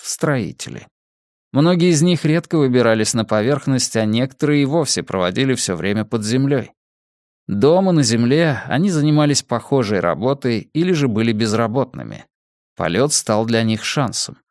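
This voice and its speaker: A man reading an audiobook with measured, expressive narration. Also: mid-range voice, no room sound, studio quality.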